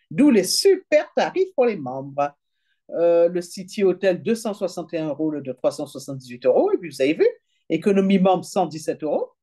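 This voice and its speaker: Chatty woman with a lively, mellow voice. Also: medium pitch. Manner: chatty, peppered with "hein" and "d'accord"; reads prices and numbers aloud slowly. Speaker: travel deals presenter. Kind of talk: app demonstration voice-over.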